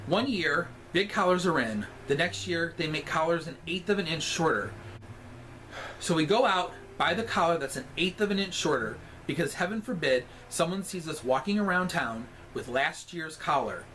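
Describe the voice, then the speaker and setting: A man with a sassy drag queen delivery reads a scripted comic story aloud, with deliberate, emphatic timing. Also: on the high side, lively intonation, pushed and bright, slight background noise, poor audio.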